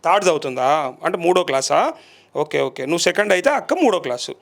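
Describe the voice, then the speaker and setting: A man's voice: fairly high pitch, big pitch swings, fast talker, vocal fry. A male journalist, interviewing people on the spot, coaxing them and repeating their answers back.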